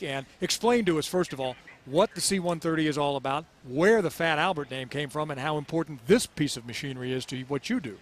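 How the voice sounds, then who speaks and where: A man's voice: on the high side, a little hiss or hum. A man hosting a live television broadcast, giving air show commentary and putting questions to a guest. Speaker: television host.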